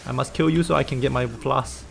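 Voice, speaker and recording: A man's voice: medium pitch, brisk, gravelly, slight background noise. A man from Singapore with a Singaporean English accent, giving loose, joking commentary on a game livestream, swearing and crying out often. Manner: animated, swearing, joking, frequent exclamations. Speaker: game streamer. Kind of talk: casual livestream gaming commentary.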